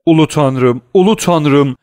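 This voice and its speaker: A man's voice: medium pitch, animated, brisk, no room sound, studio quality, natural voice. A man voicing a cornered middle-aged royal prosecutor who speaks in strained, anguished outbursts, in an audiobook. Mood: distraught.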